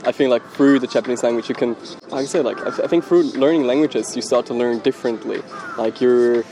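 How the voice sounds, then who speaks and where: A young man from Switzerland, a model, chatting casually in a street interview with many "like" fillers. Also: mid-range voice. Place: outdoor city park. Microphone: handheld camera.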